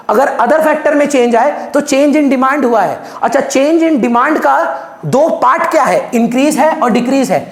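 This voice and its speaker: A man giving a fast exam revision lecture on economics, emphatic and repeating key terms, switching English terms into his speech. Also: very high-pitched. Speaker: economics teacher. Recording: echoey room.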